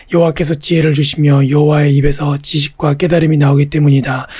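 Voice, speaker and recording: Fast, flat-toned man reading scripture. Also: on the high side, breathy edge, no room sound. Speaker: Bible reader. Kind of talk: steady scripted Bible reading.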